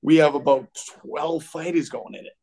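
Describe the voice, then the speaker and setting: A man's voice: fairly high pitch, normal speed, creaky, a crowd in the background. A man with a Boston accent, a boxing trainer talking earnestly and loosely as a guest on a podcast. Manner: earnest, reflective, loose with fillers. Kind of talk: casual podcast interview.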